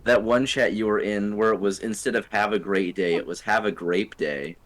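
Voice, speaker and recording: A man's voice: fairly low pitch, brisk. A young man co-hosting a casual podcast chat over a voice call, laid-back and laughing often. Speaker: podcast co-host.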